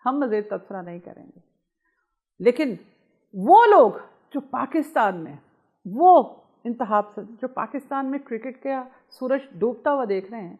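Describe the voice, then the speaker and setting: A woman hosting a cricket commentary monologue, speaking emphatically with sudden swings in loudness. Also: fairly high pitch. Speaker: channel host.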